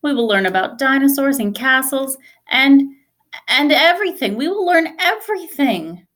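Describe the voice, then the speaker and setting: A woman's voice: sits high, expressive, moderate pace, fairly bright tone, pitched above the performer's own voice. A woman voicing a proud, enthusiastic male school principal from a storybook, with an emphatic, grand way of announcing.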